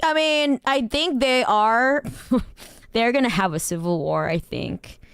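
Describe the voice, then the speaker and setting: A woman's voice: a little high, expressive, slow, smooth, dry recording, clean studio sound. A woman streamer rambling in casual chat with her viewers, laughing often and swearing casually.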